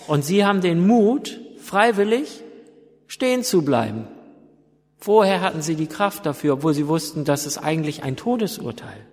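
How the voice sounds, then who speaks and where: Guy preaching a sermon, slow and emphatic, kinda high voice, big hall echo. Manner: slow, emphatic storytelling with dramatic pauses. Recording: long hall reverb.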